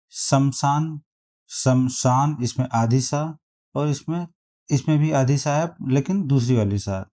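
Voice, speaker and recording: A man teaching a spelling lesson, reading out quiz options and repeating each word slowly to compare them. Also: medium pitch, mellow. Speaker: exam prep teacher.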